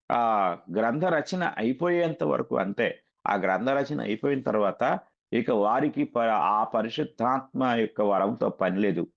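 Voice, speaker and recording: A man's voice: medium pitch, vocal fry. A man preaching an earnest, emphatic sermon, recorded over a dull, lo-fi line.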